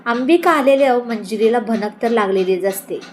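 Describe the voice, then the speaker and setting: A woman's voice: on the high side, normal speed, slight background noise. A woman casually retells a TV serial episode, slipping into the characters' lines as she goes. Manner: storytelling, slipping into quoted dialogue. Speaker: TV serial recap narrator.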